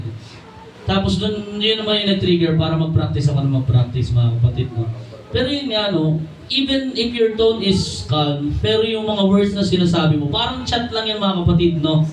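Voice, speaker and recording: A young Filipino man preaching a sermon to his congregation, often calling them brothers and sisters and slowing down for key English phrases. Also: high-pitched, slight background noise. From Philippines. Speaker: church preacher. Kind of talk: sermon mixing Tagalog and English. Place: church hall. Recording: echoey room from a distant mic.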